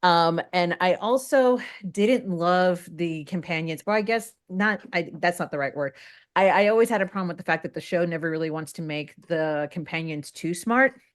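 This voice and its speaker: Woman, low voice, chatty, thinking aloud, casual livestream talk. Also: normal speed. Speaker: podcast guest.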